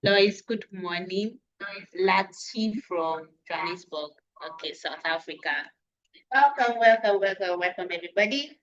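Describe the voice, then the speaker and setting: A woman hosting an online training session, greeting attendees one by one and pausing over how to say their names. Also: medium pitch, fairly bright tone. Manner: unhurried, reading names aloud and pausing over pronunciations. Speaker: webinar host. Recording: dull lo-fi online call audio.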